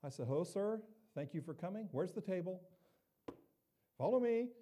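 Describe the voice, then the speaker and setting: A man's voice: high voice, lively intonation, fast, dark tone, slight background noise. A middle-aged man preaching a sermon in a conversational, humorous way, acting out the people in his stories. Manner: conversational, humorous, acts out quoted voices. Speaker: pastor. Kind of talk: sermon with personal storytelling.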